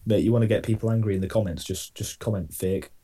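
A man's voice: fairly low pitch, quick pace, dark tone. A man co-hosting a podcast, presenting a list of dinosaurs in dry, casual chat with casual swearing. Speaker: podcast co-host.

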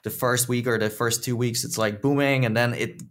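A man's voice: medium pitch, steady tone, moderate pace. Dutch-accented man hosting a gaming chat. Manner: hesitant, many fillers and restarts. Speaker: podcast host. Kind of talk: casual gaming news chat.

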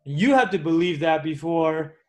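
A man's voice: fairly high pitch, expressive, moderate pace, low-quality recording. A man hosting a podcast interview, talkative and encouraging as he sums up advice. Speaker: podcast host. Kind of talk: casual interview.

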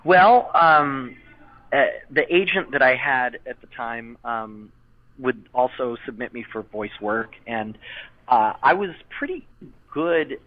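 Over a tinny phone line, a man who voiced a character as a child chats casually as an interview guest, rambling with lots of fillers and restarts. His mid-range voice has lively intonation and a slow pace.

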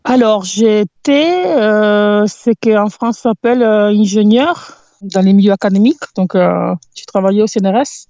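A woman's voice: mid-range voice, unhurried, warm tone, no room sound. Italian-accented woman in her forties, dull lo-fi sound. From Italy. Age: 40s. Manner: hesitant, searching for words, laughs easily. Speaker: podcast guest, cycling activist. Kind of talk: casual interview chat. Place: outdoors in a meadow, sitting against a tree.

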